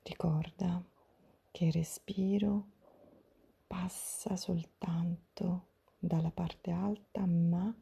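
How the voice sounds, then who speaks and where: A woman softly whispering a guided breathing meditation, gentle and soothing, step by step with long pauses, in a breathy, hushed spa-like voice. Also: fairly low pitch, fairly even intonation. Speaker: guided breathing and relaxation instructor.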